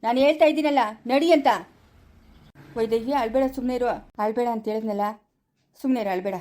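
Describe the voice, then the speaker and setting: A woman playing a calm, fast-talking village man. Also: on the high side, close to an everyday voice. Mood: soothing. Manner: soothing, reasoning, patient. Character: kind 45-year-old village man, calm peacemaker. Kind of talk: village family short drama.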